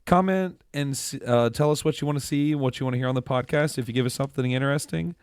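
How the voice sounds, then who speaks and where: A man hosting a podcast with an upbeat, joking manner, wrapping up the show in casual chat. His voice sounds smooth and clean, with a dry, close sound around it. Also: medium pitch, fast talker, a little mellow, no echo. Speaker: podcast host.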